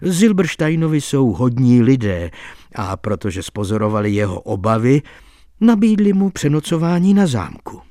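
A man reading an audiobook voices a lively male court clerk who relishes telling a scandalous tale. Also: medium pitch, no echo, studio quality, lightly acted.

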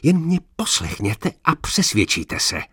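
A secretive old quarryman confides ghostly sights, voiced by a male storyteller. His voice is breathy and close, sinking to near-whispers and then climbing high with insistence. The recording is dry and intimate. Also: sing-song, no room sound, heavily acted. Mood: eerie, insistent. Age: older. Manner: hushed, confiding, rising to urgent. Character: old quarryman, hushed and knowing, telling of ghosts.

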